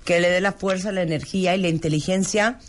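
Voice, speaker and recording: A man with a Mexican accent hosts a radio show from the studio, talking fast in a high voice with fairly even intonation, with slight background noise. His casual on-air opinion talk is emphatic and preachy, and he reels off lists.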